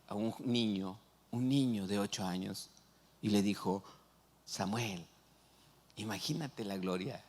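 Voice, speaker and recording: A man, a pastor preaching a sermon who keeps asking the congregation questions. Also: mid-range voice. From Mexico. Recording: long hall reverb.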